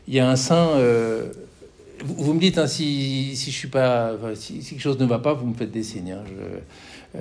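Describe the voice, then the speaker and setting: Middle-aged man, low voice, earnest public talk, halting restarts, charity director's testimony. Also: creaky, a little mellow.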